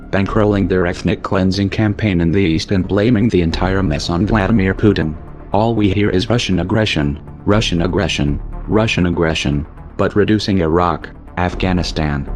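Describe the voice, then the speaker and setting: An anonymous man narrating a scripted political message in a voice disguised to sound deep, delivered in a grim, sardonic, declamatory way. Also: a little mellow.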